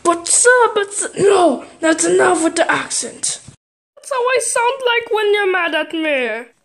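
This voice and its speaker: A woman's voice: very high voice, very animated, measured pace, creaky, fairly bright tone, a little hiss or hum, exaggerated voice. A woman voicing a nervous male henchman who pleads and apologizes to his boss, in a fan-made toy animation. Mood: pleading. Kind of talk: fan stop-motion voice acting.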